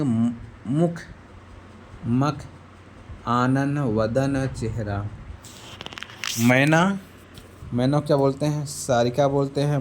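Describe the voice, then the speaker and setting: Male hindi teacher reading synonym lists real slow, middle pitch, bit of background hiss. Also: a little mellow. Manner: slow, word-by-word listing with quizzing questions. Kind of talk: exam-prep Hindi lesson listing synonyms.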